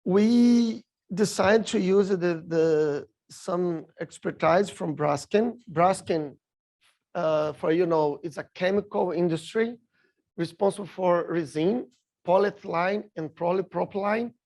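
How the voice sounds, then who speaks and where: Speaking English as a Portuguese speaker with a Brazilian accent, this middle-aged industry speaker presents slides at a rail seminar. His voice is high and slightly mellow, and his delivery stumbles along with frequent filler sounds and apologies about his English.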